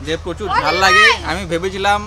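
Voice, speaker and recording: A woman's voice: mid-range voice, huge pitch swings, fast. A woman chatting casually as she takes part in a food challenge. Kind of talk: casual chat. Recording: noisy outdoor recording, loud chatter around.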